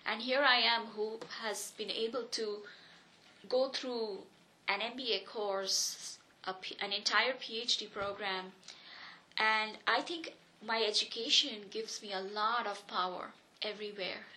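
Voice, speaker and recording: A rough recording with a little hiss or hum captures a woman in her thirties from India, an economics professor, recounting her life in a personal oral history interview. She is earnest and reflective with frequent restarts, speaking at a measured pace in a medium-pitched, steady voice with a sharp edge.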